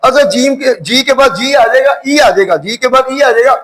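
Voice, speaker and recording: A man giving an English phonics lecture, explaining slowly and spelling words out letter by letter. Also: extremely high pitch, fairly bright tone, low-quality recording. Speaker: English teacher.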